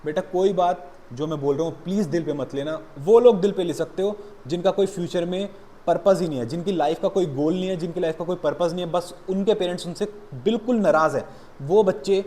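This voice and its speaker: A man's voice: fairly high pitch, mellow, a little hiss or hum. Blunt, fatherly man teaching accountancy. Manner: calls students "beta", blunt motivational scolding. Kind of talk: classroom lecture.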